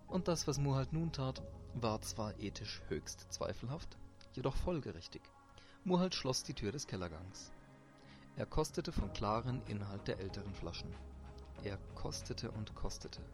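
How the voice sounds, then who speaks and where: Male narrator reading a dark tale over music. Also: medium pitch. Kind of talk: dark literary audiobook narration. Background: background music.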